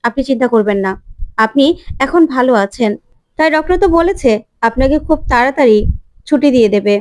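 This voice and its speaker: A woman voicing a calm female nurse who reassures a patient in a retold serial. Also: high voice, a little fast. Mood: reassuring. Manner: soothing, reassuring.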